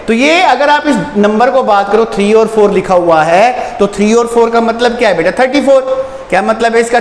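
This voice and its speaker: High-voiced man teaching in an echoey room. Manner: patient, asks and answers his own questions, repeats terms, calls students "beta". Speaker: school teacher. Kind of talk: online math lesson for young children. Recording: echoey room with long reverb, faint background noise.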